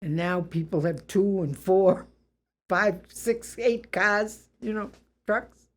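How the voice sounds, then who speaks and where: An elderly woman from the Boston area of the USA reflects on her life in an interview. She speaks at medium pitch with a Boston accent, in a deliberate, plain-spoken and good-humored manner.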